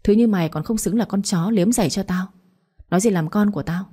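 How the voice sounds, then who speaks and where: A woman's voice: medium pitch, fairly quick, mellow, husky, lightly acted. A woman voicing a cruel middle-aged stepmother who speaks coldly and with contempt. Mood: contemptuous. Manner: cold, commanding, contemptuous.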